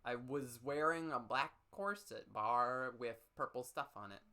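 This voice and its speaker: A streamer hosts a comedic dramatic reading, a man adding casual commentary in a mock-serious tone and stumbling over words. His mid-range voice is bright and forceful, and he takes his time.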